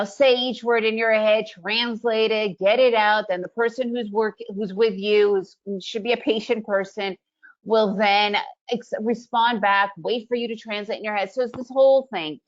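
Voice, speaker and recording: A medium-pitched woman's voice on dull-sounding audio gives an upbeat, chatty webinar presentation, often checking in with "right?" She is a Russian speaker, originally from the Soviet Union and raised in the US.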